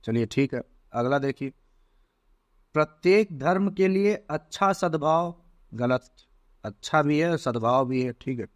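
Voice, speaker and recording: A man talks through exam questions like a teacher, unhurried and deliberate. His voice sits slightly high, and the sound is dry and close, with no room around it. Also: no echo. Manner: slow, deliberate, repeats "theek hai" often. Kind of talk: exam paper walkthrough lesson.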